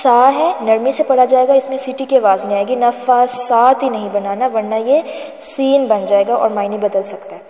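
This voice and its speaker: A woman teaching an online tajweed lesson, explaining pronunciation and chanting verses slowly. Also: fairly high pitch, fairly even intonation, dark tone, reverberant, big-room sound, faint music behind. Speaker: Quran recitation teacher.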